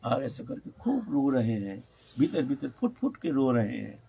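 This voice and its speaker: An older man giving a devotional storytelling discourse as a spiritual teacher, emphatic, with drawn-out phrases and frequent "hain" tags. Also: medium pitch, very animated, creaky, dark tone, breathy edge, dull audio.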